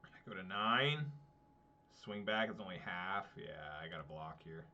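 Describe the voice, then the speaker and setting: Bright-voiced man muttering over gameplay. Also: sits low, animated, measured pace, muffled recording, slight background noise. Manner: muttering, casual, exasperated asides. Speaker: streamer playing an online card game. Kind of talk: thinking aloud over gameplay.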